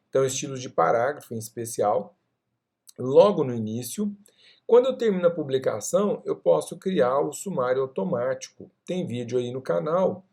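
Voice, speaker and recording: A man with a Brazilian Portuguese accent teaching design software in a screen-recorded tutorial, talking through each menu step by step and checking in with the viewer as he goes. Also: on the high side. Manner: explanatory, frequent "tá?" checks, walks through menus step by step.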